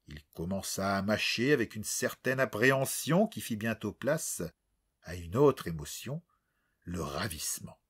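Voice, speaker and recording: A man narrating an audiobook with expressive, dramatic storytelling. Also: fairly low pitch, slightly rough.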